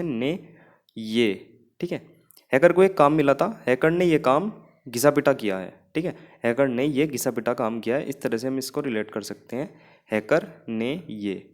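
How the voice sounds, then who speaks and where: A man's voice: medium pitch, darkish tone. A man with an Indian accent teaching English vocabulary for exam prep, explaining memory tricks and repeating key phrases.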